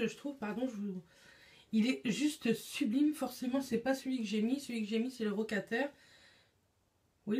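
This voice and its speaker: A woman's voice: on the high side, a little mellow. Chatty beauty vlogger woman. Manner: chatty, with many fillers and restarts. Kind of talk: casual monthly favorites chat.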